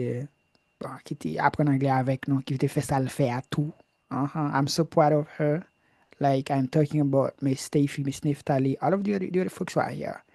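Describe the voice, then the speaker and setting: A man with a Haitian accent who teaches English, leading a live debate over a video call with lively encouragement. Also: fairly high pitch, dry recording, studio quality. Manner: lively, encouraging, switches between English and Creole.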